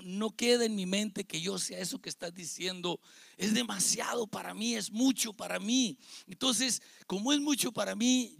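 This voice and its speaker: A man's voice: on the high side, gravelly, dry recording. A man with a Mexican Spanish accent, a pastor giving an evangelical sermon to his congregation, emphatic and repetitive, with rhetorical questions. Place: church service with congregation.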